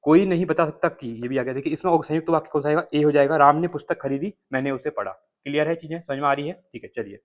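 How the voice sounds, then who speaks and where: A man's voice: a little high, fast talker, few pauses. A man teaching as an exam coach, walking through test questions one by one and checking often that listeners follow, with an Uttarakhand Hindi accent. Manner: explains answers step by step, repeating checks with listeners.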